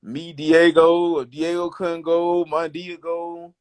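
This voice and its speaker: A man's voice: a little high, little pitch movement, takes it slowly, clean tone, no room sound. A man in his thirties with an Alabama Southern accent, chatting casually in a laid-back, slangy way with short answers. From Alabama, United States. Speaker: DJ and rapper, interview guest. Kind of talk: casual interview chat. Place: small wood-panelled room indoors. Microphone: phone at close range, video call.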